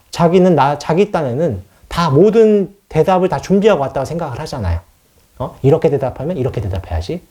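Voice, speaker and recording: This man's voice sits a little high and sounds mellow. He is a Buddhist monk giving a relaxed dharma talk on scripture, explaining along the way and frequently asking questions that he then answers himself.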